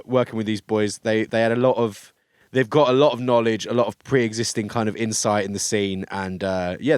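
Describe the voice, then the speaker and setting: A man's voice: on the low side, no room sound. Guy hosting a music show, casual chat about new tunes, pretty dry sound. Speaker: music show host from a record label. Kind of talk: casual chat introducing releases.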